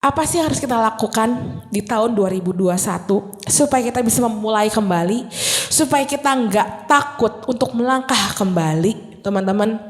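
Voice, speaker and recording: High-voiced young woman preaching, hall reverb. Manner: chatty, acts out prayers in a high voice. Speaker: youth preacher. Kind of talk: casual youth sermon.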